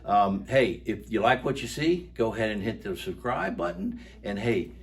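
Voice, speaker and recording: A man's voice: lowish voice, animated, normal speed, vocal fry, far from the mic. An older man co-hosting a show, animatedly telling a self-defense story and demonstrating moves, laughing often. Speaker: co-host, karate instructor.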